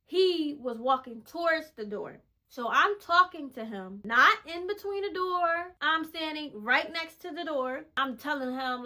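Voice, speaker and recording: Candid female vlogger, bright and a touch high, emphatic storyteller. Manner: emphatic, repeats phrases for effect; candid, conversational. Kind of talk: personal storytelling testimony.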